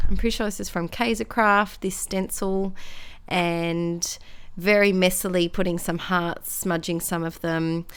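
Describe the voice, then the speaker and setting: A young Australian woman, a scrapbooking vlogger, narrates her scrapbooking in a casual, rambling, self-deprecating chat. Her voice is slightly croaky, on the low side, and a bit bright.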